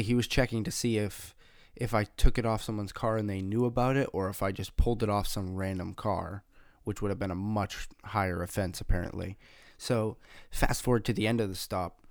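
Young male podcast host, low voice, dry close mic, casual profane storytelling. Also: gravelly, dry recording. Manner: swears freely, animated retelling with quoted dialogue.

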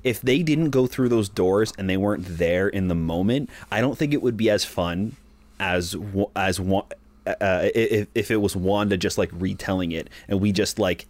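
A man's voice: low-pitched, moderate pace, darkish tone, dry recording. A man co-hosting a podcast, talking enthusiastically in casual chat, with lots of "like" fillers and restarts. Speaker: podcast co-host. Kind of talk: casual show recap chat.

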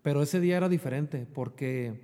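A man's voice: fairly high pitch, fairly quick, mellow, in a large hall. A man with a Mexican Spanish accent tells an emotional personal faith testimony, in earnest, often saying "bro" and dropping in English fillers. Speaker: guest sharing a faith testimony.

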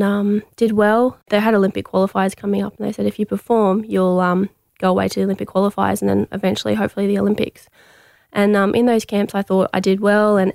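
A young woman from Australia, a guest athlete, telling stories in a relaxed interview with many fillers and restarts. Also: medium pitch, vocal fry, no room sound, clean studio sound. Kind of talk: casual interview chat.

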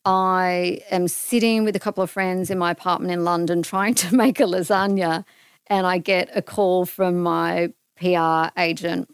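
A middle-aged woman with an Australian accent talks earnestly through a personal story as an interview guest, her voice smooth and clear. The sound is close and dry, with no room around it. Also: fairly low pitch, normal speed, no echo. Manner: earnest, animated retelling with acted-out quotes.

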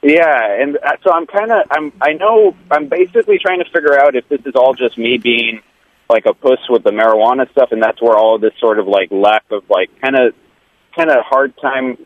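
A man's voice: medium pitch, normal speed, dry recording. A man calling in to a show by phone while driving his car, talking in a rambling, hesitant way with lots of fillers. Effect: phone call from a moving car. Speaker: caller. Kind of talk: casual call-in chat. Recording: tinny phone line.

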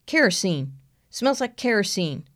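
A woman voicing a slow-witted male chief deputy with a plain, folksy drawl. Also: medium pitch, sing-song.

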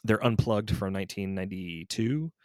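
A man in his forties co-hosts a podcast, chatting casually and rambling through stories while often correcting himself. His voice is lowish and darkish, at a normal pace, in a dry recording.

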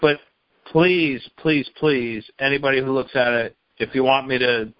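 A man with a medium-pitched voice, speaking a little slowly, appears as an author guest in a casual chat. He talks loosely, with lots of hesitant fillers and the occasional casual curse. The recording is dry, dull and lo-fi, with no room sound.

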